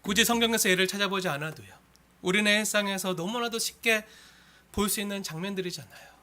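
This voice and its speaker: A man preaching a sermon as pastor. He swings between loud, impassioned appeals and hushed, near-whispered asides, and often puts rhetorical questions to the congregation. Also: high voice, quick pace.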